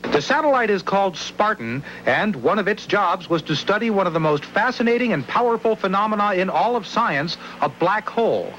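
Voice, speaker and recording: Male, high voice, TV correspondent, scripted narration, dull audio with faint hum. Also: expressive, fairly quick, few pauses, fairly bright tone. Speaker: television news correspondent.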